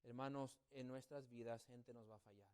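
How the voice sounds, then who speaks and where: A man's voice: medium pitch, fairly even intonation, normal speed, darkish tone, smooth. A man preaching a sermon as a pastor, telling a story and acting out family members' voices. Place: church sanctuary.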